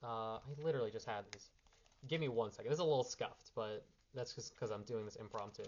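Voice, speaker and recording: Talking at a quick pace in a mid-range voice, a young card player who is a little sick gives an impromptu, casual strategy primer on a muffled recording. He handles cards as he explains lines off the cuff, rambling and correcting himself along the way.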